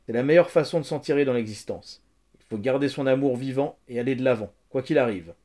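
A man reading the lines of a kindly older man who gently counsels a grieving child in a storybook reading. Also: medium pitch, fast talker, close to an everyday voice. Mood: earnest. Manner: earnest, soothing counsel.

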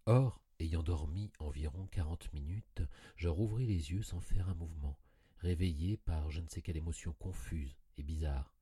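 Guy reading a story all intense and tormented, really dark low voice, kinda husky. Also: moderate pace, no room sound. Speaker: audiobook reader. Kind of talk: dramatic literary reading.

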